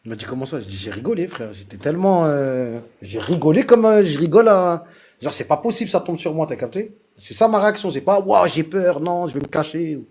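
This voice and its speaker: A man's voice: on the high side, expressive, fast talker, darkish tone, breathy edge. A man with a French suburban street accent hosting a casual livestream chat in heavy street slang peppered with oaths. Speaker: livestream host.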